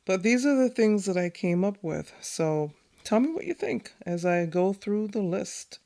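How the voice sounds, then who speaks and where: A woman hosting her own podcast, talking excitedly and chattily, laughing often, with many fillers. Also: medium pitch, a little slow. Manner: many fillers, reads from notes. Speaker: podcast host. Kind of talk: solo podcast monologue.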